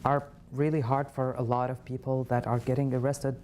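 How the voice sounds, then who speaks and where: A man from Syria, answering in a TV studio interview in a halting way, with many pauses and fillers. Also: medium pitch, flat delivery, darkish tone, slight background noise. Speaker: interview guest, refugee.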